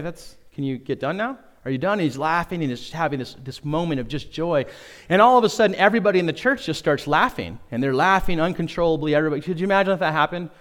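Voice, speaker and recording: Middle-aged male pastor, slightly raised voice, chatty humorous sermon style with questions to the room. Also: a little high. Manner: conversational and humorous, asks the congregation questions.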